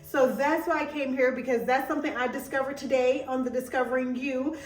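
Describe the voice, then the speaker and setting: In a casual motivational podcast monologue, a young woman speaks briskly in a high-sitting voice with fairly even intonation, staying chatty and emphatic with many asides and an intermittent country twang. The room echoes and the mic is distant.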